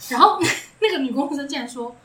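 Chatty woman podcast host telling a story, high bright voice, kinda echoey room. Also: fast. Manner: animated, laughing often, acts out quotes. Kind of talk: casual chat, storytelling.

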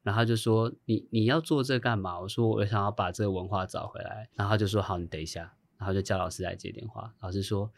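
A man's voice: fairly low pitch, fairly even intonation, quick pace, gravelly, hardly any pauses, dry recording. A man who works as a hairstylist tells a long story in a casual chat, acting out the voices of the people he quotes and laughing often. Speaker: guest.

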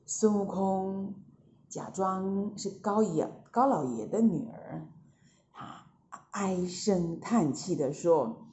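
Female storyteller for children, slow and animated, echoey lo-fi recording. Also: mid-range voice, slight background noise. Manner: lively, drawn-out storytelling.

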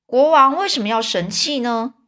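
A woman's voice: on the high side, moderate pace, pushed and bright. Woman voicing Huck, a blunt carefree boy. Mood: casual, curious.

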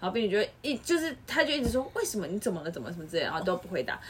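A woman from Taiwan, hosting a podcast and telling a rambling, animated story with many restarts. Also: mid-range voice, rapid-fire, slight background noise. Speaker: podcast host. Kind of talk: casual chat, storytelling.

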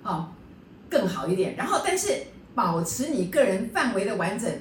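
A woman's voice: medium pitch, big pitch swings, normal speed, recorded from a distance, slight background noise. A woman teacher leading a book study class, lecturing in a chatty way and often checking in with the class through rhetorical questions. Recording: echoey room, voice a bit off-mic.

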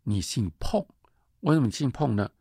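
A man's voice: medium pitch, expressive, normal speed, vocal fry, dark tone, slightly rough, dry recording, studio quality, pitched above the performer's own voice. A man quoting a spiteful old nursemaid. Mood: needling. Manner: scolding, taunting with rhyming sayings. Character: sharp-tongued old female servant, nagging and spiteful.

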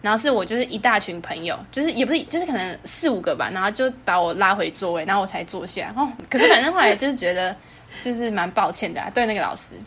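A young woman in her twenties with a Taiwanese Mandarin accent, co-hosting a podcast and telling a story in casual chat, animated and laughing often. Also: medium pitch, fast talker, slightly rough. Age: 20s. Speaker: podcast co-host.

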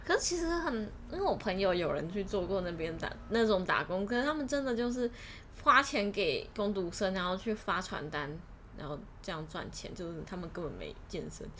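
Young woman co-host, bright tone, lively laughing storyteller. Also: mid-range voice, brisk, a little hiss or hum. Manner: laughs often, animated retelling. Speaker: podcast co-host. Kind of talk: casual storytelling chat.

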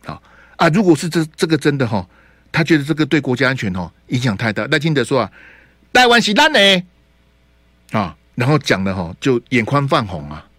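A man's voice: medium pitch, sing-song, quick pace, a bit bright, no room sound. A man hosting a radio talk show, ranting about politics with mocking rhetorical questions. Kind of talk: opinionated political commentary.

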